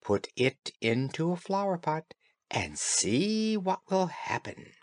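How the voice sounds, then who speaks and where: A man's voice: on the high side, big pitch swings, slow pace, no echo, clean studio sound, voice pushed up, heavily acted. A man voicing a kindly fairy in a storybook, with an airy sing-song manner. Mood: obliging.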